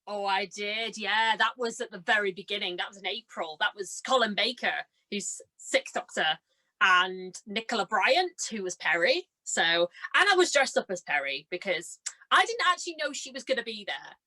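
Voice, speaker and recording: A young woman with a medium-pitched, bright, forceful voice chats casually as an interview guest. An amateur actor and cosplayer, she tells stories with lively intonation at a moderate pace, acting out her reactions.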